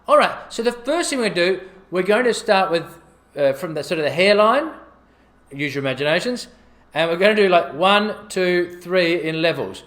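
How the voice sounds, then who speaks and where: Casual male instructor, higher pitch, easygoing, counts out each stroke while demonstrating. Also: lively intonation, normal speed, a bit bright. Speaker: gua sha instructor.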